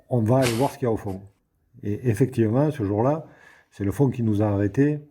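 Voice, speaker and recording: Southern French man, very dark and husky tone, easygoing anecdotal teller. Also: lowish voice. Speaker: diving friend leaving a message. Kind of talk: recorded personal message, storytelling.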